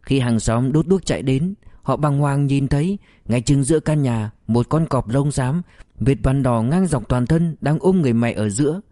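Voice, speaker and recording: A man narrating an audiobook story in a measured, expressive storytelling manner. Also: mid-range voice, dry recording, clean studio sound.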